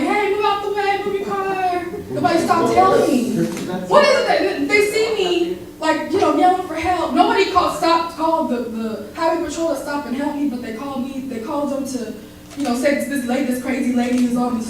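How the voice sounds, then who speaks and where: A woman's voice: high-pitched, lively intonation, fairly quick, slight background noise. A woman performing spoken word poetry live, with a rhythmic, dramatic delivery that rises and drops. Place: barbershop, live event. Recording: echoey live room recording from far off.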